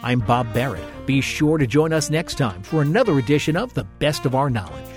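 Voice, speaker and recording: A man hosting a public radio program, reading announcements in a steady announcer delivery. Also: mid-range voice, brisk, soft background music. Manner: smooth, steady announcer read. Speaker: radio show producer and host.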